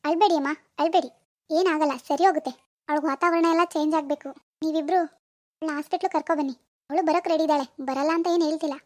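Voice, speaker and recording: A woman voicing a calm doctor in a cartoon, explaining patiently and reassuring the worried parents. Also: high-pitched, fast, no echo, clean studio sound, natural voice. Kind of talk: Kannada cartoon voice acting.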